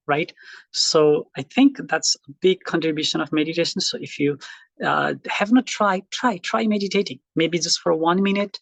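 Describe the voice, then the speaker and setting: Lecturing informally to online students, a middle-aged Nepali man with a Nepali accent works as a college instructor and reflects aloud, with many fillers and restarts. The voice is on the high side, gravelly and a bit bright. No echo is present.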